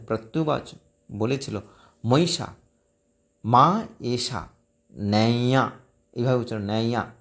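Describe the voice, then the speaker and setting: A man teaching a Sanskrit text in a recorded lesson, slowly reciting each phrase syllable by syllable and then explaining it. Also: mid-range voice. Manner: slow, careful syllable-by-syllable recitation.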